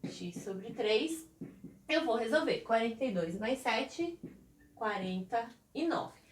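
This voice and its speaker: Chatty high-voiced woman teaching math. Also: expressive, slow, echoey room. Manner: chatty, encouraging, asks the viewer questions. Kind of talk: whiteboard math lesson. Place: classroom with a whiteboard.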